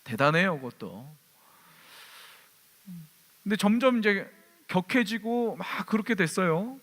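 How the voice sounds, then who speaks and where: A man preaches from the pulpit in a fairly high voice and tells a personal story with animated rhetorical questions. His voice rings through a church hall with a long reverb tail. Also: a little slow. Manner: lively storyteller, asks the congregation rhetorical questions. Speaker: pastor.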